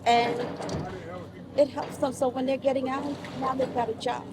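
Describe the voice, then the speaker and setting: A council member in her fifties speaks emphatically in a conversational interview, repeating phrases to drive her points home. Her voice sits high with little pitch movement at a normal speed, and street noise from crowds and vehicles fills the background.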